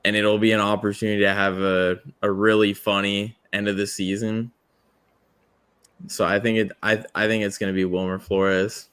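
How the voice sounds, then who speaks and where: A low-voiced man with a smooth, clear tone chats on a sports podcast. He speaks flatly, with dry humor. The sound is even and deadpan. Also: moderate pace. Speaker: podcast co-host. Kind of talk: casual sports chat.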